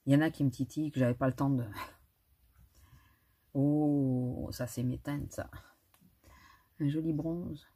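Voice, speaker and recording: A woman's voice: rumbling low, steady tone, measured pace, pauses often, warm tone, breathy edge. A middle-aged woman reviewing a makeup palette in a casual vlog, chatty and hesitant, with frequent restarts and small laughs. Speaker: beauty vlogger.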